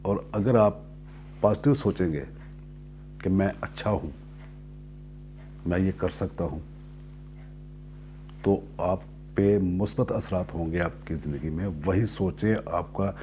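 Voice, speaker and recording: With a low, dark voice and a little hiss or hum in the recording, he shares a motivational story at an easy pace, going back over and rewording his lines, occasionally clearing his throat.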